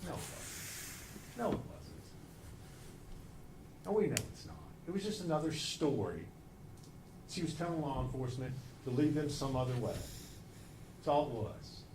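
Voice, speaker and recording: A man's voice: medium pitch, lively intonation, moderate pace. A man prosecutor delivering a passionate closing argument to a jury, emphatic and repeating phrases for effect. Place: large indoor courtroom. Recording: roomy courtroom echo, faint background noise.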